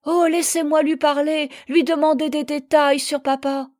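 A woman reading the lines of an eager young girl in a storybook, in a bright voice. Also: high voice, a little slow.

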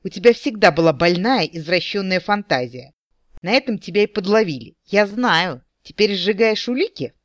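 A sarcastic elf captain hurls loud, mocking accusations in a raised, fairly high voice, as the audiobook narrator plays him. The sound is dry and close to the mic. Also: male voice, expressive, moderate pace, dry recording. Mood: mocking, indignant.

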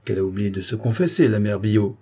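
A man's voice: on the low side, fast, dark tone, husky. A man voicing a jovial country priest with a teasing, bantering manner. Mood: mocking.

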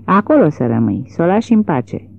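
A woman gives voice to an exasperated country man who curses and barks out rough orders. The voice sits low, and the sound is thin and tinny, like a phone line. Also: big pitch swings, heavily acted. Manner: rough, barking commands. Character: exasperated cursing rural man.

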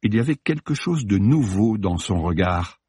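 A man narrating a thriller audiobook in a measured, dark, unhurried reading, close to the mic. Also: on the low side, animated, breathy edge, dry recording.

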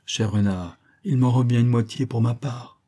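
A man's voice: mid-range voice, normal speed, warm tone, natural voice. A man voicing a sly, wary male cat who teases with mock piety in a storybook reading. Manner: mock-pious, smug and teasing.

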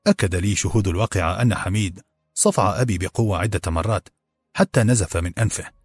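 A man narrating an audiobook in a measured, grave storytelling manner. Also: low-pitched, breathy edge, dry recording, faint music behind. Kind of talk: scripted narration.

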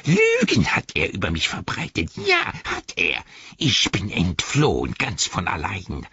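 A man's voice: low voice, huge pitch swings, unhurried, sharp tone, dry recording, lo-fi sound, heavily acted. A man voicing the wretched creature Gollum in an audiobook, sly and cringing, speaking of himself in the third person. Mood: hissing defiance. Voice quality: hissing, gravelly whisper. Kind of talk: audiobook character voice.

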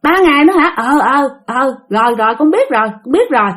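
A woman voicing a gentle, resigned young father near death, talking in a soft, soothing and repetitive way. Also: very high voice, expressive, fast, voice pushed up, heavily acted. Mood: eager.

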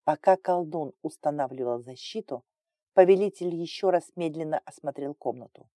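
A woman narrating a fantasy audiobook in an even, measured storytelling manner. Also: sits low, no echo.

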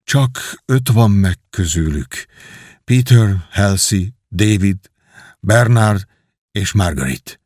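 A man voicing a stern, cold younger brother who answers curtly and gravely. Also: fairly low pitch, animated, darkish tone, no room sound, studio quality.

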